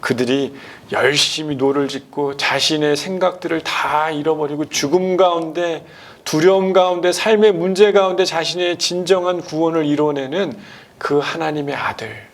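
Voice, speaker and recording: A male pastor preaching a sermon, asking the congregation rhetorical questions and swinging between loud and hushed delivery. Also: a little high, moderate pace, slight background noise.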